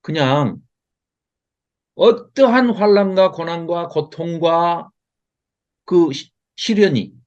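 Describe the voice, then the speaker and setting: A man teaching an online Bible class over a video call, lively and expressive, often chuckling and putting questions to his class. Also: a little high, slow pace, long pauses, muffled recording.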